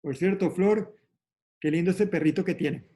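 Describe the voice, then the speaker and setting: A man leading an online meditation class, explaining slowly and gently in a calm, reflective way over a video call. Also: high-pitched. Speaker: yoga and meditation teacher.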